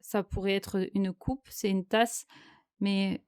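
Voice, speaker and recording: A woman's voice: mid-range voice, steady tone, slow, darkish tone, clean tone. A French-speaking woman giving a spiritual tarot reading, hesitant and searching for words with many fillers. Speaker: tarot card reader.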